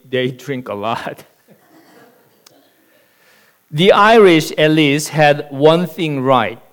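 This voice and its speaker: A man preaching a sermon as pastor, telling a joke in a slow, deliberate storyteller's manner. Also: medium pitch.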